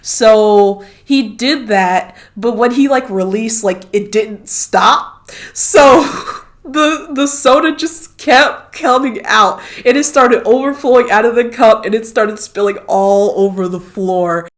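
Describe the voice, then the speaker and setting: A woman's voice: fairly high pitch, slow pace. A young woman telling a casual anecdote in a loose way, full of fillers.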